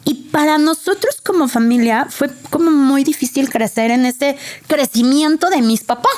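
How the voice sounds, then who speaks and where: A Mexican woman in her forties speaks as a guest in an earnest, personal way. Her voice sits high, and she often checks in with her listeners as she talks. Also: moderate pace. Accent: Mexican Spanish. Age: 40s. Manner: earnest and personal, with frequent fillers and tag questions. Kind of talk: candid interview.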